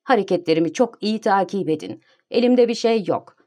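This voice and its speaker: A woman voicing a cocksure, mocking male gentleman thief in an audiobook, teasing like a showman. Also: mid-range voice, animated, fairly quick, close to an everyday voice.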